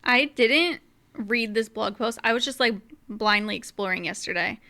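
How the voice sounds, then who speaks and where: A woman co-hosting a casual gaming podcast, chatty and giggly, reading a blog post aloud with quick asides. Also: fairly high pitch, pushed and bright. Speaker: podcast co-host.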